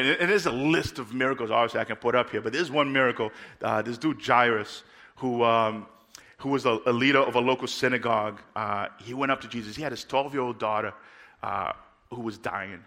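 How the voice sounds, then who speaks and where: A male preacher tells a story in a casual, chatty way. He is animated and keeps checking in with his listeners. His voice is bright and forceful. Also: mid-range voice.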